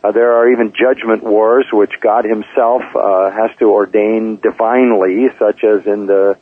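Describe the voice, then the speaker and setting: A pastor speaking on a radio program, measured and full of "uh" fillers, asking and answering his own rhetorical questions. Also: fairly low pitch, steady tone. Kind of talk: radio Bible teaching talk. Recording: tinny phone-line radio clip.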